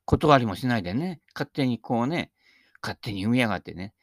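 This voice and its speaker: Older man missing front teeth, animated pitch swings. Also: fairly quick, no room sound, clean studio sound. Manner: rambling, chatty, self-deprecating humor, frequent tag particles. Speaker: speaker giving talks on Buddhist sayings. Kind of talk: casual humorous monologue with commentary.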